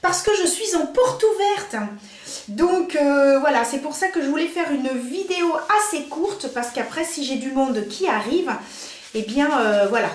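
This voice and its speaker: A woman's voice: high-pitched, animated, a little slow, echoey room. A middle-aged woman chatting through a makeup tutorial in a beauty salon, gushing and full of fillers. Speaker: beauty vlogger. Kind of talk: casual makeup tutorial chat.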